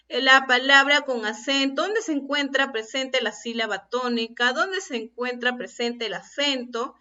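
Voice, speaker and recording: Slow, bright-voiced woman teacher, distant and dull. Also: high-pitched. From Peru. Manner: slow and deliberate, stretching out example words and syllables; asks the class questions and answers them herself. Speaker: primary school teacher. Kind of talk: recorded grammar lesson for children.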